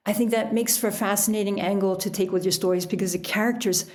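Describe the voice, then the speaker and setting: She chats reflectively and casually in the interview, chuckling often, drawing on her life as an author and sailor. Her medium-pitched voice keeps a fairly even intonation at a quick pace.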